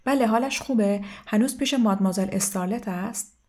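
A woman's voice: darkish tone, lightly acted. A woman reading aloud and voicing a distraught, confused woman in her thirties who talks in an anxious, pleading way. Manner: pleading, agitated, raised pitch.

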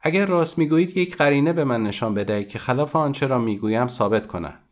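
A man's voice: big pitch swings, lightly acted. A man voicing a scheming young swindler woman. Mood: defiant. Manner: high, loud, impatient and defiant.

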